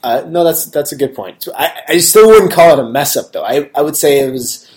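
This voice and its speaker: A man's voice: a little high, lively intonation, fairly quick, darkish tone. A man co-hosting a podcast in casual chat, hesitant and searching for words, laughing often.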